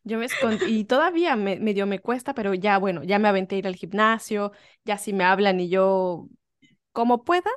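A woman hosts a relaxed podcast chat, talking freely and circling back as she hunts for the right word. Her voice sits at an ordinary middle pitch. The sound is close and dry, with no room around it. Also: a little fast, no echo. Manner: chatty, searching for words with fillers. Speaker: podcast host. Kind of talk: casual conversation.

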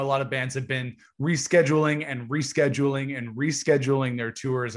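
A man speaks as a podcast co-host. His pitch is middle-of-the-road, and he chats casually about music. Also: a bit bright. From Canada.

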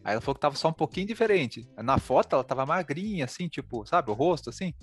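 A man with a Brazilian Portuguese accent, hosting a podcast and telling a story in casual chat, animated and quick, full of fillers. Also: on the high side, husky, soft background music. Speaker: podcast host.

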